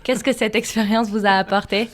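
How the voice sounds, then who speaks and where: A woman's voice: mid-range voice, steady tone, fairly quick. A woman interviewer politely asking prepared questions.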